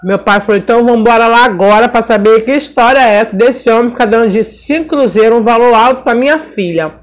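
A middle-aged Brazilian woman telling a personal story in a casual, animated way while eating on camera. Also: a little high, fairly quick. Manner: animated, acts out voices of people in her story. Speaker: mukbang vlogger.

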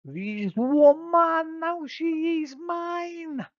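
Man putting on a smug stage-spanish young lover, crowing, high voice, drawled, muffled. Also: very slow, dry recording, heavily acted. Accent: put-on stage Spanish. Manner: smug, crowing, broken English. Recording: slightly muffled dry recording.

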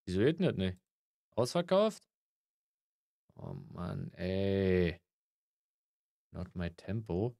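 A man's voice: sits low, sing-song, slow pace, gravelly, pauses often, dark tone, no echo, clean studio sound. A man giving casual gameplay commentary, grumbling and swearing, with mock-polite greetings to customers. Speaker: gaming let's player.

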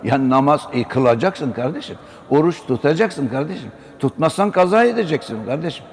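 A man's voice: fairly high pitch, expressive, brisk. An older man giving an exhortative religious talk, often calling his listeners brother. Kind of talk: religious sermon-style talk. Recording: long hall reverb, faint background noise.

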